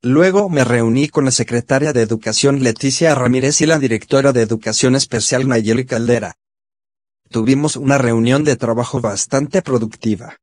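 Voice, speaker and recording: A man's voice: mid-range voice, moderate pace, darkish tone, no room sound. A synthesized man's voice, like an old text-to-speech program, narrating a scripted first-person piece as a show contributor.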